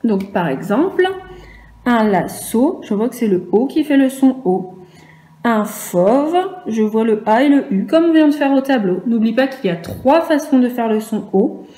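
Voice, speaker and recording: Patiently spelling out letters one at a time, a primary school teacher leads a remote phonics lesson for small children. Her mellow voice sits on the high side, animated and moderately paced, and the recording has an echo and faint noise.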